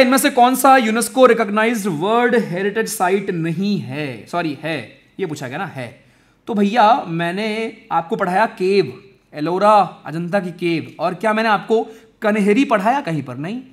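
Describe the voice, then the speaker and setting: A young man with a high-sitting voice, speaking at a normal speed, runs a chatty, energetic lesson on exam-prep mnemonics. He addresses his viewers as friends and brothers.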